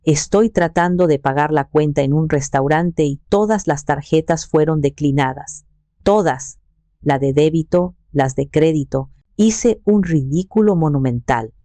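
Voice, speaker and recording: A woman playing a caught-out arrogant husband, defensive, stammering, deep tone, warm voice. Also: measured pace, dry recording. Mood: angry. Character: panicked, arrogant husband caught lying, man.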